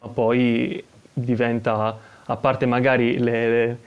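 A man's voice: mid-range voice, flat delivery, slow pace, clean tone, lo-fi sound. A young man from Italy calling in to a chat show, telling his story in rambling, hesitant phrases. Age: young adult. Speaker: caller. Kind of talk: casual call-in chat.

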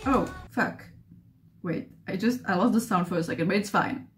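This young trailer reactor, a non-native English speaker, gushes and curses with excitement at a normal speed in a medium-pitched voice, with faint music in the background. She records on a desk webcam with headphones on, in a living room lined with bookshelves.

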